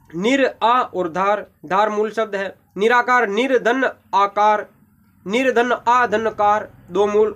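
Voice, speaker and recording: High-voiced man teaching grammar patiently. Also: a bit bright. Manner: patient, repeats each example step by step; addresses viewers with "देखिए" and "भाई". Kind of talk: explanatory exam-prep lesson.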